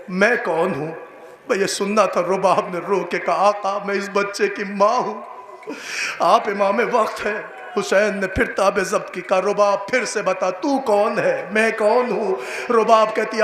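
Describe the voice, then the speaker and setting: A man's voice: sits high, fairly bright tone. A man with an Indian Urdu accent, a cleric giving an impassioned mourning sermon that rises into a chanted lament at an outdoor gathering. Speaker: Shia cleric giving a majlis address. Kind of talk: mourning sermon rising to sung wailing. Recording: echoey live PA with crowd noise. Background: crowd of mourners.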